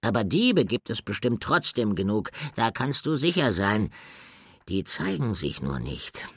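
A man voicing a grumbling, wistful male bird with claws in an audiobook, drawn out and slow. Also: on the low side, sing-song, fairly bright tone, husky, no room sound, clean studio sound, pitched above the performer's own voice, full character voice. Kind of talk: audiobook character voice.

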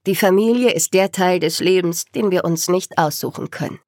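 A woman reading a novel aloud in the first person, with expressive, measured storytelling. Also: lowish voice, dry recording, studio quality. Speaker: audiobook narrator.

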